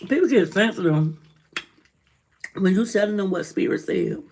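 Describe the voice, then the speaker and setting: Lively woman preaching uplift with dialect flavor. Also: mid-range voice, normal speed, a little hiss or hum. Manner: lively, swings loud and soft, preachy. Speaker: rideshare driver and motivational vlogger. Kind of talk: casual motivational talk to camera.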